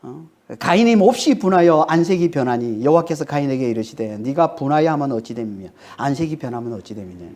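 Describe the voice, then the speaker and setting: A woman's voice: rumbling low, animated, brisk, darkish tone. A woman pastor preaching a sermon, emphatic, and she keeps prodding her listeners with questioning tags. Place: church sanctuary.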